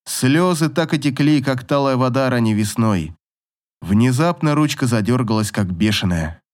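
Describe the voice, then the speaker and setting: A man reading a novel aloud in scripted, expressive narration. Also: medium pitch, moderate pace. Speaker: audiobook narrator.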